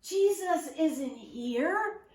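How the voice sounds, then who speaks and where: A woman voicing a calm, gentle angel who speaks softly and reassuringly, in an echoey room with the mic far off. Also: sits high, drawn-out words, heavily acted.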